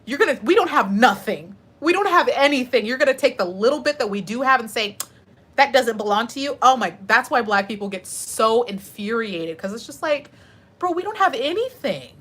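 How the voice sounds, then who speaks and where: Chatty bright-voiced woman streamer. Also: a little high, moderate pace, slightly rough. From United States. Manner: chatty, animated, answers chat questions. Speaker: live streamer. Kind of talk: casual live stream chat.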